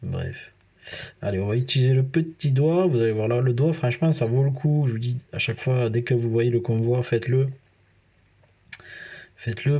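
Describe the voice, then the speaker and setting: A man's voice: mid-range voice, mellow, lo-fi sound. A man with a southern French accent giving casual let's-play commentary as a gaming YouTuber, chatting straight to his viewers with lots of fillers.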